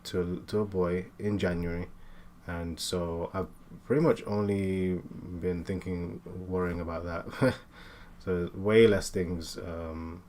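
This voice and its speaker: A man in his late twenties chatting casually while he draws, talking in halting bursts with many fillers and restarts. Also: low voice, fairly even intonation, a little mellow, slight background noise. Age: 20s. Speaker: art streamer. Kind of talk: casual chat while drawing.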